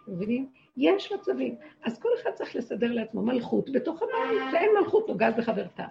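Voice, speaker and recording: A woman's voice: on the high side, very animated, creaky, muffled recording, background noise. A woman giving a religious lesson to a group, speaking emphatically in short, repeated phrases. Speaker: spiritual teacher.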